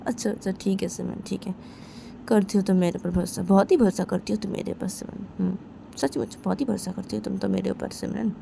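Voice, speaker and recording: Young woman, coaxing and repetitive, gravelly voice, mid pitch, a woman voicing her. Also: steady tone, brisk, noisy background. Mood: soothing. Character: young woman Sunaina, hurt then reassuring.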